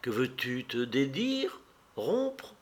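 A man's voice: big pitch swings, slow. A man reading a novel aloud and voicing an anxious, loving young fiancée in a raised, pleading voice. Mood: frightened. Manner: raised pitch, pleading and startled. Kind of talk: audiobook character voice.

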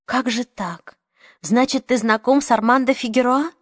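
A woman's voice: on the high side, moderate pace, no room sound, studio quality, voice pushed up, natural voice. A woman reading the part of a young journalist who speaks urgently and firmly. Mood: probing. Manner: urgent, forceful. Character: determined young journalist woman, tense and defiant.

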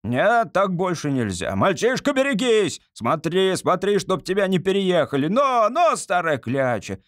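A coarse, rowdy cab driver, as a man voices him, bawling at his nag in high, cracking shouts. The voice leaps wildly in pitch. It is recorded close and dry. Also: huge pitch swings, measured pace, no room sound, full character voice.

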